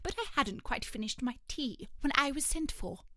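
A woman's voice: high-pitched, animated, moderate pace, a bit bright, no echo, clean studio sound, voice pushed up. A woman voicing a nervous, apologetic male hatter who rambles as he answers. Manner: apologetic and fidgety.

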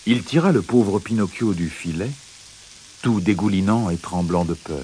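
A man reading a children's fairy tale aloud in an expressive, dramatic way. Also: deep voice, moderate pace, a little hiss or hum. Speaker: narrator. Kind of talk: storybook narration.

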